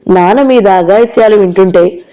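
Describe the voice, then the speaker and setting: A woman's voice: mid-range voice, normal speed, mellow, close to an everyday voice. A woman reading the part of an ill young woman who speaks in a weary, resigned way, in an audio novel.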